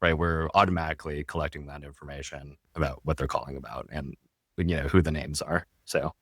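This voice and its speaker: A restaurant tech founder guesting on a podcast talks casually and fairly quickly, his very deep, slightly bright voice keeping fairly even intonation. He explains steadily, makes small restarts, and tends to tack a questioning "right?" onto his points. Studio-quality audio without echo.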